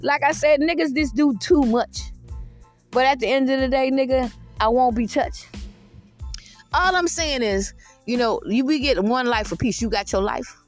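Blunt, profane, high-voiced woman in her fifties. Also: moderate pace, faint music behind. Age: 50s. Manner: frequent "you know what I mean" asides. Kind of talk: defiant monologue rant.

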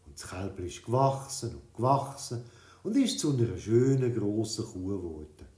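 A man reading a children's story, in a lively, expressive telling. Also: lowish voice, normal speed. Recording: roomy echo.

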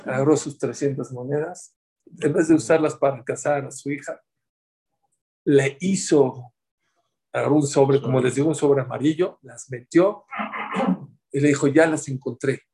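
A man teaching a religious class in an animated way, telling stories and asking his listeners questions. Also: medium pitch, moderate pace, pauses often. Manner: animated, asks the audience questions.

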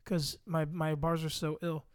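A man's voice: a little high, flat delivery, measured pace, dry recording. A young man co-hosting a casual podcast. He jokes, teases and drops silly mock raps into a close microphone. The sound is dry. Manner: joking, playful trash talk and mock rapping. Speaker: podcast co-host. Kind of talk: casual chat. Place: home room at a computer.

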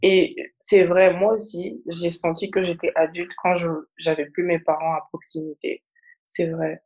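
A young woman from Africa talking casually and thoughtfully, often pausing with fillers. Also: on the low side, level tone, darkish tone, breathy edge. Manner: reflective, hesitant with fillers. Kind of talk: casual chat.

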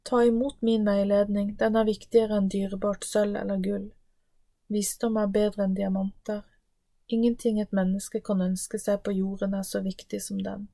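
A woman's voice: medium pitch, flat delivery, vocal fry, mellow, dry recording. A woman reading the part of personified Wisdom, an ancient female voice that proclaims solemnly. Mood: proclaiming. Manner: solemn, declaiming. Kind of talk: scripted Bible reading.

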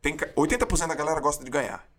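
A man's voice: fairly high pitch, rapid-fire. A man in his forties, a former swimmer, telling stories in a casual interview and acting out the voices of people he quotes. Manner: animated storyteller, acts out quotes.

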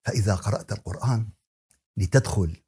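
A man with a Levantine Arabic accent giving a religious lesson in everyday dialect, animated and joking, asking his audience many rhetorical questions. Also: fairly low pitch, a little fast, slightly rough. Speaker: Quran teacher.

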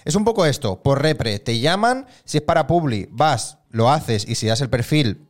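Male host, mid-pitched, casual and teasing. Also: expressive, moderate pace. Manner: playful, teasing interjections. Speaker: interview host. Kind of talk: casual interview chat.

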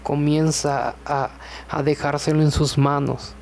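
Slow, relaxed young man. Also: a little high, gravelly, a little hiss or hum. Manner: relaxed, chatty, with many fillers and joking asides. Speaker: podcast host.

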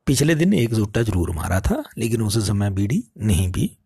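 Man, moral storyteller, earnest, preachy, gravelly, dry close sound. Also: lowish voice, big pitch swings, normal speed, mellow, no room sound. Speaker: motivational speaker.

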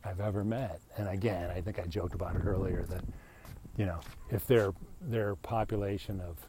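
Slight background noise accompanies a man in his fifties talking casually on a solo podcast. With a fairly low, mellow voice, he rambles, pokes fun at himself, and keeps asking "right?".

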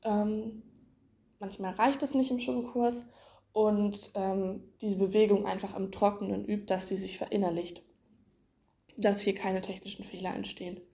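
Gravelly, husky-voiced woman explaining. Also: medium pitch, steady tone, a little slow, mellow. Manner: explains with playful images, many fillers. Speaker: podcast host teaching swimming exercises. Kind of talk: casual instructional podcast talk.

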